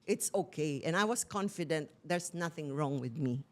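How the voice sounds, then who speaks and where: A woman's voice: low voice, lively intonation, unhurried. A middle-aged woman candidly telling a personal story on a talk show, switching between Tagalog and English. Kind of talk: casual talk-show chat.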